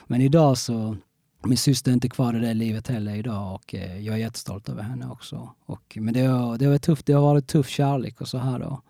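Young man, interviewee; gravelly, mellow timbre, halting delivery with fillers, dry close sound. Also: medium pitch, steady tone, no echo. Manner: halting, frequent restarts, many fillers. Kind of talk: casual personal interview.

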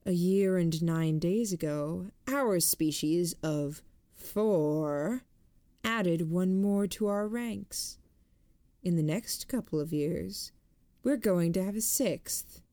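A woman narrates a first-person story at a slow, measured pace. Her voice sits slightly low. The recording is close and dry, with no room sound. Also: dark tone, no echo. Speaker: audiobook narrator.

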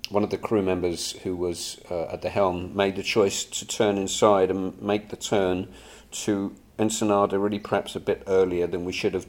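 Low-voiced Englishman giving a podcast report. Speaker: guest podcast correspondent. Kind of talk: conversational spoken report of a sailing experience.

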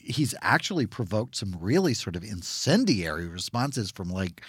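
A man's voice: on the low side, very animated, moderate pace, slightly rough, no echo, studio quality. An American man co-hosting a podcast with casual, opinionated banter and a wry, sardonic manner. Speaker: podcast co-host.

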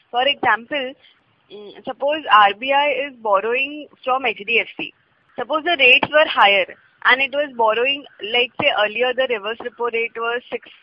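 A woman, co-hosting a casual podcast and calmly explaining economics. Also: high-pitched. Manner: calm, explanatory, laughs often. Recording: dull lo-fi audio.

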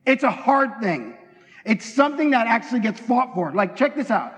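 A man preaching an energetic sermon in a church, talking fast and excitedly and acting out bits of dialogue. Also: extremely high pitch. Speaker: pastor. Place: church sanctuary. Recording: long hall reverb.

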